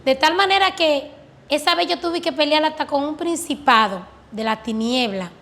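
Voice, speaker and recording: Her voice sits high and a bit bright, delivered at a moderate pace. As a guest, this woman earnestly recounts her prayers and their answers in a religious testimony marked by fervent conviction.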